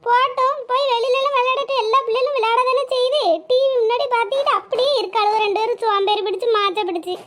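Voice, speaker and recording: A woman's voice: extremely high pitch, quick pace, hardly any pauses, fairly bright tone, slight background noise. A woman voicing a stern, nagging village mother and wife in a cartoon, scolding and reproachful. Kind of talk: cartoon voice acting.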